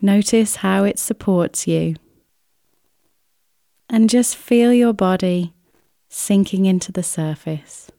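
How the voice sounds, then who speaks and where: A woman reading a scripted guided relaxation as a therapist, in a soothing, gentle way with long, unhurried pauses. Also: medium pitch, vocal fry, no room sound, clean studio sound. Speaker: relaxation therapist guiding an exercise. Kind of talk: scripted guided relaxation, body scan meditation.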